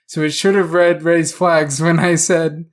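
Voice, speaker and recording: A man co-hosting a podcast, telling a personal story in an animated, laughing way. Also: on the high side, measured pace. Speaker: podcast co-host. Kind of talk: casual podcast chat, telling an anecdote.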